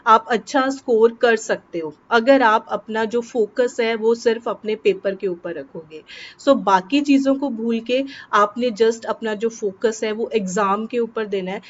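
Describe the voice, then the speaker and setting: A woman with a Punjabi accent teaching exam tips to students, switching between Hindi and English and slowing down to stress the English tips. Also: on the high side. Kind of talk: lesson to students. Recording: dull, slightly noisy recording.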